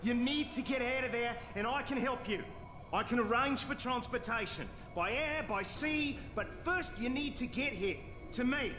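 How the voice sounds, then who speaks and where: An actor voicing a calm male radio contact in a game, measured and persuasive, heard over a radio. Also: extremely high pitch, long reverb tail, soft background music.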